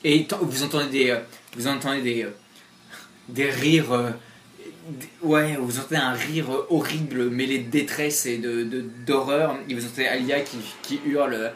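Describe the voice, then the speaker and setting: A man's voice: mid-range voice, steady tone, a bit bright, a little hiss or hum. A man narrating a horror tabletop game as game master, hesitating with many fillers. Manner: halting, filler-heavy narration. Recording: roomy echo, faint music.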